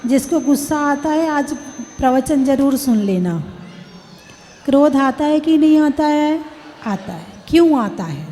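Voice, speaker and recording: A high-pitched woman preaching a sermon, speaking slowly with a mellow tone. She keeps asking her listeners questions and presses them to reply. Her voice carries long reverb from a large hall, with faint noise behind. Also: expressive. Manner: asks the audience questions and urges them to answer; acts out quoted household speech. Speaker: Jain nun preacher. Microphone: microphone with added echo.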